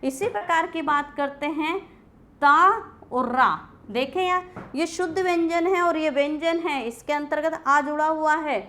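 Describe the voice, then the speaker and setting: A woman's voice: high-pitched, steady tone, a little slow, fairly bright tone. A woman teacher giving a classroom grammar lecture, asking questions and answering them herself. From India. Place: coaching class.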